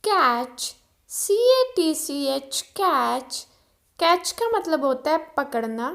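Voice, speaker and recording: A woman's voice: high-pitched, lively intonation, drawn-out words, creaky, fairly bright tone. A woman teaching English vocabulary, saying each word, spelling it out letter by letter and giving its meaning. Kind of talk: slow vocabulary drill.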